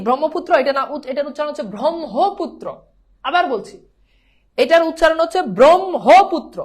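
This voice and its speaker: A woman teacher gives a pronunciation lesson. She drills each word by repeating it and keeps quizzing her students. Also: high-pitched.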